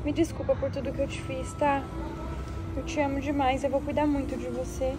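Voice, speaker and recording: A woman's voice: extremely high pitch, fast talker. A young woman with a Brazilian Portuguese accent playing an emotional young mother in a web drama. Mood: tender. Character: vain young mother who turns tender. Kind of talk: amateur web drama acting. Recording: echoey room with music behind.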